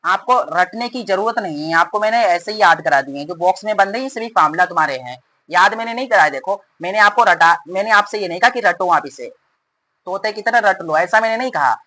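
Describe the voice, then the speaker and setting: A male math teacher explaining formulas in a rapid, repetitive way and calling his students "beta". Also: sits high, expressive, sharp tone, poor audio. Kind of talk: fast classroom explanation.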